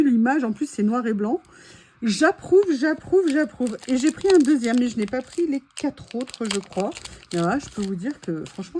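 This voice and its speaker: A woman with a French accent talks through a stationery haul, gushing and repeating her praise. Her voice sits a little high but sounds mellow and soft. She reads quotes aloud between casual asides. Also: slight background noise. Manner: enthusiastic, gushing, repeats words. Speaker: haul vlogger.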